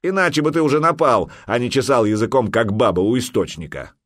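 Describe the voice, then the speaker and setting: A man's voice: medium pitch, animated, brisk, a bit bright, dry recording, clean studio sound, natural voice. A man voicing a huge gray-bearded old warrior chief who taunts and bellows. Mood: mocking.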